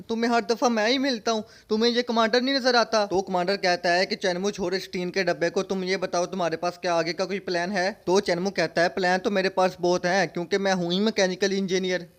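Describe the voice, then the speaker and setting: A man narrates an anime plot in a relaxed, chatty way. His voice sits high and stays fairly even in pitch. Now and then he breaks off to make sarcastic remarks about the characters. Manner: retells dialogue in third person, adds sarcastic comments. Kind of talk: casual storytelling recap with joking asides.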